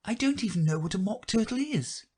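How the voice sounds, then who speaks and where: A man's voice: high voice, lively intonation, a little fast, a little mellow, slightly rough, voice pushed up. A man voicing a polite, earnest young girl in a storybook reading.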